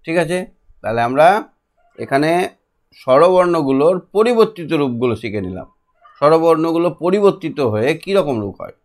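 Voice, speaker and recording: A middle-aged man teaches in a slightly raised voice. He walks learners through sounds step by step and repeats each one patiently. His delivery stays calm and steady. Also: a little high. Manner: patient, repeats and drills syllables slowly. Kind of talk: classroom lesson.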